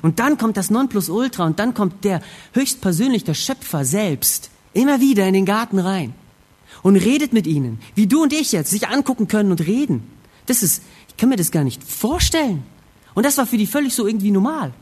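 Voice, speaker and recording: Guy preaching a sermon, kinda high voice, goes quiet then punchy, acts the story out. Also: brisk, breathy edge. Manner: expressive, acts out the scene, swings between hushed and emphatic.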